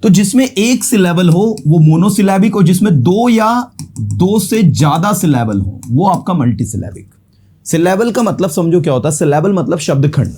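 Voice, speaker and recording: A man's voice: high-pitched, animated, normal speed, mellow, slightly rough. Man teaching grammar. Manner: explains in Hindi mixed with English, repeats words syllable by syllable. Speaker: English teacher. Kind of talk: classroom grammar lesson at a board.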